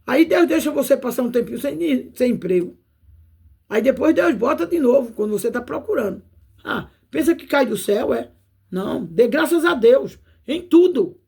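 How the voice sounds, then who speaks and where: A Brazilian woman preaching in a casual, homespun way, her voice gravelly with vocal fry and a husky edge. She talks straight to the listener and keeps tossing in little tag questions to make sure they follow. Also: sits high, expressive, moderate pace, a little mellow. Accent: Brazilian Portuguese. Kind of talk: informal video sermon.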